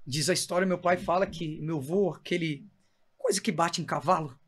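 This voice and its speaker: A man's voice: fairly high pitch, moderate pace, fairly bright tone, slightly rough. A man with a Brazilian Portuguese accent, a missionary preacher telling his faith testimony with fervor and calling the listener brother.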